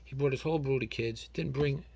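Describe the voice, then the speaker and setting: A man's voice: medium pitch, fairly quick, creaky, breathy edge, lo-fi sound. A man with a North Jersey Italian-American accent chatting casually and telling stories in a blunt, colloquial way. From New Jersey. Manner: colloquial, blunt, animated retelling with acted-out quotes and Italian dialect phrases. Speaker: vlogger. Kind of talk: casual chat, storytelling.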